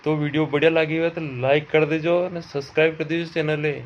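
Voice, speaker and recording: A man's voice: on the high side, level tone, brisk, highs cut off, slight background noise. A man with a Malvi accent addressing viewers in a plain, apologetic sign-off. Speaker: cartoon channel creator.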